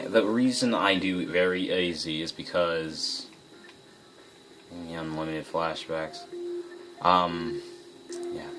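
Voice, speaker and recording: A man hosting a gaming video, casually commenting on gameplay and thinking aloud in a rambling, self-correcting way. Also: low-pitched. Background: game music.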